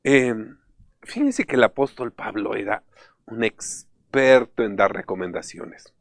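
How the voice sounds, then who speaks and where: A man from Mexico, preaching a sermon in an earnest storytelling way, often lifting his pitch to stress a point. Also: slow, gravelly, dry recording. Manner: earnest, storytelling, pitch rises for emphasis, frequent fillers. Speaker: pastor.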